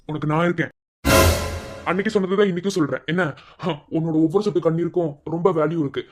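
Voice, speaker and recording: A man voicing a calm, firm male college lecturer in a cartoon, speaking in a steady, lecturing way. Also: fairly high pitch, lightly acted. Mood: comforting. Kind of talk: cartoon voice acting.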